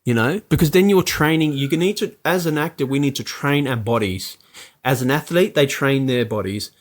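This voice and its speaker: A man, talking casually as an interview guest, animated and full of fillers. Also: medium pitch, normal speed. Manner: animated, many fillers, acts out quoted lines. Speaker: actor and producer guest.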